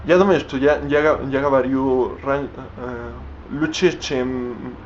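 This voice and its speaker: This is a halting, unscripted vlog by a male language learner whose first language is Spanish, full of restarts and fillers as he reaches for words. His medium-pitched voice holds a steady tone. The recording is dull, with slight background noise.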